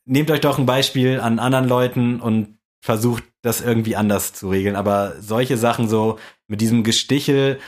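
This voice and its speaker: A young man co-hosting a podcast, rambling along in relaxed, colloquial chat. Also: medium pitch, normal speed, hardly any pauses. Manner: laid-back, rambling, with colloquial slang. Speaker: podcast co-host. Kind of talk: casual chat.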